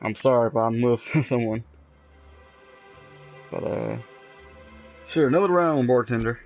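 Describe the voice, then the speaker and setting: A man gives casual let's play commentary and reads out dialogue choices. His voice has plenty of fry at a middling pitch, with faint music behind him. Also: measured pace, a little mellow.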